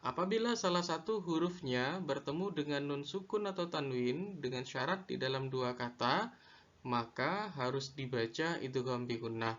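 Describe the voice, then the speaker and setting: A man teaching a lesson on Quran recitation rules, slow and deliberate, repeating each definition. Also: medium pitch, lively intonation, a bit bright, dull audio. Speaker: religious studies teacher.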